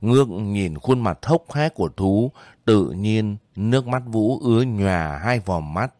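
Low-voiced male storyteller. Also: no echo, clean studio sound. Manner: steady, measured reading. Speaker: audiobook narrator. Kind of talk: scripted narration.

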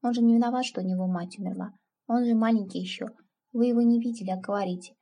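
A woman's voice: fairly high pitch, steady tone, fast talker, warm tone. A woman voicing a timid, earnest young village woman who pleads and defends herself. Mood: pleading.

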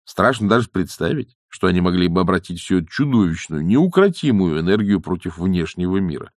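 A man reading an audiobook in a theatrical, lively way. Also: deep voice, brisk, dry recording, clean studio sound. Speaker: audiobook narrator.

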